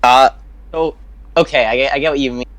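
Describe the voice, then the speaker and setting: A man's voice: mid-range voice, steady tone, fairly quick, fairly bright tone, no room sound. Rambling man asking a question. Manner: rambling, filler-heavy questioning. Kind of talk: livestream Q&A call-in.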